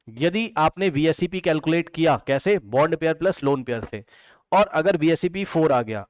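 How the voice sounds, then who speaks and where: A man's voice: a little high, smooth, no room sound. A man teaching chemistry to students in a lecture, who asks questions and answers them himself and repeats the key terms.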